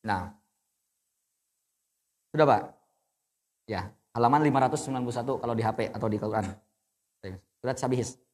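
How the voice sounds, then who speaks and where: A man's voice: mid-range voice, normal speed, long pauses, darkish tone, long reverb tail. A young man teaching adults to read the Quran, patiently correcting their recitation. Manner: patient, corrective, demonstrates then explains.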